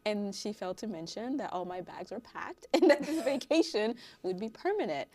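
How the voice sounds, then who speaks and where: A woman in her thirties from Haiti, a guest on a talk show. She tells her story in a lively way and laughs often. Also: medium pitch, normal speed, no echo. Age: 30s. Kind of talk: casual interview.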